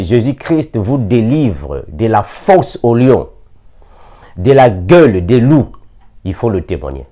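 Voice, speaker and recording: A man's voice: on the low side, warm tone. A man from Africa preaching a sermon, repeating scripture references and reading verses with emphasis.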